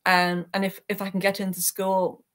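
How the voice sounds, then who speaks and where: A woman's mid-range, fairly bright voice comes through in a monotone at a moderate pace as she, a peace activist, earnestly reflects on her life as an interview guest. The video call is recorded on her computer microphone from a small attic room in her home.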